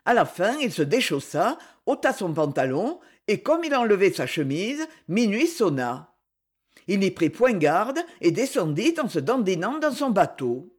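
A man reading a novel aloud as narrator, with expressive storytelling. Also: sits high, a little slow, husky.

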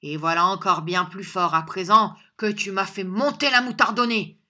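A woman's voice: on the low side, normal speed. A woman voicing a bluff, hot-tempered honest country man who blusters and defies his opponent in a storybook reading. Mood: defiant. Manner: loud, blustering and defiant.

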